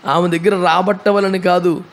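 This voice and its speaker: A man's voice: high-pitched, little pitch movement, moderate pace. A male pastor preaching a sermon, telling a Bible story dramatically with voiced characters and rhetorical questions. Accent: Telugu. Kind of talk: Telugu sermon with acted Bible scenes.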